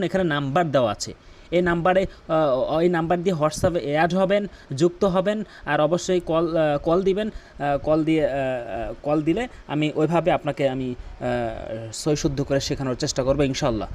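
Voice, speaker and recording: A man teaching Quran pronunciation rules, repeating examples slowly and patiently, with a Bangladeshi Bengali accent. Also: fairly high pitch. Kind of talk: tajweed pronunciation lesson.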